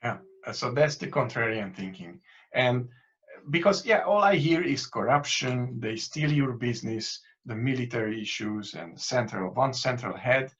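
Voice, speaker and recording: A man's voice: mid-range voice, animated, moderate pace, fairly bright tone. A man from Hungary with a Hungarian accent, interviewing a guest in English with a hesitant manner. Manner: hesitant, many fillers and restarts. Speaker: interviewer, channel host. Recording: dull lo-fi audio.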